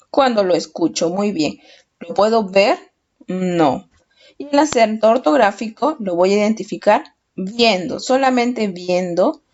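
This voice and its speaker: A woman's voice: medium pitch, a little mellow. Patient Spanish-speaking woman teaching a class. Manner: slow, patient, asks questions and answers them. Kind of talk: children's lesson. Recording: dull lo-fi recording.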